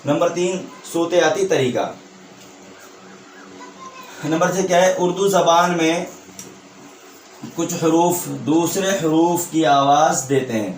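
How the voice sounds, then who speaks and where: A man's voice: on the high side, long pauses, slight background noise. A man teaching an online Urdu lesson for exam prep, who repeats each point as a question, answers it, and checks that students follow. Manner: checks understanding with a tag question. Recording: echoey room, voice from a distance.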